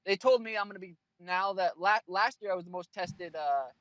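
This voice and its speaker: A man's voice: sits high, brisk, fairly bright tone, no echo, dull audio. A man in his twenties, a fighter being interviewed, answering bluntly and with plenty of swearing. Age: 20s. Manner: blunt and profane.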